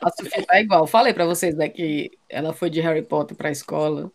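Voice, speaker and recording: A woman's voice: sits low, fairly quick, crowd noise. A Brazilian woman co-hosting a casual podcast chat, telling stories and acting out the voices of the people in them. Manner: expressive, acts out the voices in her stories. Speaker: podcast co-host.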